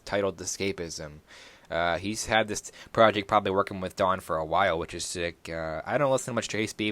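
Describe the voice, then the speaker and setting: A man's voice: lowish voice, fairly bright tone, no echo. A young man hosting a casual solo podcast, rambling through music news with many fillers and self-corrections. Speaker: podcast host.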